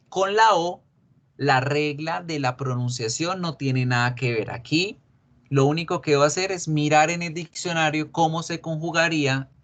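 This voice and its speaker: Slow-spoken man teaching. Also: fairly high pitch, fairly bright tone. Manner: slow, drawn-out explanations with repeated examples. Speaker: English teacher. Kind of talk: recorded online grammar lesson.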